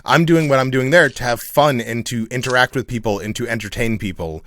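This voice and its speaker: A man's voice: medium pitch, a little fast, a bit bright, no echo, clean studio sound. A man in his thirties, a podcast co-host in casual chat, rambling with restarts and swearing freely. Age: 30s. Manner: rambling, profane, many restarts.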